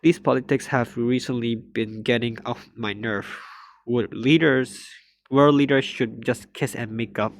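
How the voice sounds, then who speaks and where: A man's voice: mid-range voice, fairly even intonation, measured pace. Man stumbling through read-aloud game text. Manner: reads stiffly with frequent stumbles and restarts. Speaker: gaming channel host. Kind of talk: reading game dialogue aloud in a playthrough.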